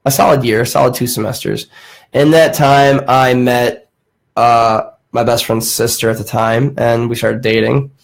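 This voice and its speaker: A man in his late twenties, with a gravelly, creaky edge to a voice of ordinary pitch, tells a long story in casual podcast chat. He rambles and swears freely, leaning on "like" as he goes. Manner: rambling, profane, heavy use of "like". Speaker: podcast host.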